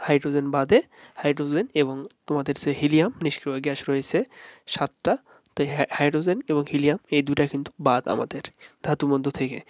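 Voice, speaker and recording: A man's voice: on the high side, no echo, clean studio sound. A young man from Bangladesh teaching a chemistry shortcut in a chatty tutorial, voicing students' questions and repeating key words. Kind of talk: informal tutorial.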